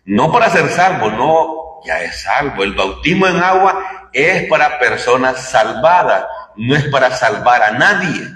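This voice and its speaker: A man's voice: medium pitch, lively intonation, measured pace, pushed and bright. A man preaching a sermon in a church, talking conversationally and asking his listeners rhetorical questions. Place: church hall. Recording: echoey church hall.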